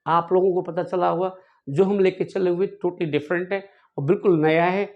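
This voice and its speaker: A male English teacher giving an online grammar lesson, drilling words by repeating them slowly and addressing viewers fondly. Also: high-pitched, fairly even intonation, highs cut off.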